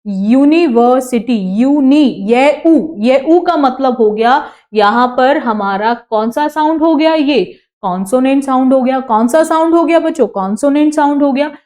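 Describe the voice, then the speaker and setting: A young woman with an Indian English accent teaching grammar to a class, repeating her questions and drawing out words slowly as she models sounds. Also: sits high, darkish tone. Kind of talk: classroom lecture to students.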